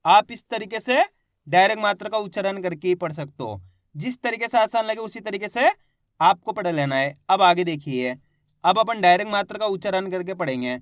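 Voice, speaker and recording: A man's voice: high-pitched, dry recording, clean studio sound. A man teaching a reading lesson, sounding out each syllable and then drawing out the whole word.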